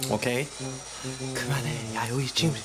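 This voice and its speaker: A man hosting a comic ghost-hunting vlog indoors in a house, bantering and swearing at an unseen ghost, going from hushed to shouting. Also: medium pitch, steady tone, normal speed, over music. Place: indoors in a house on a home visit.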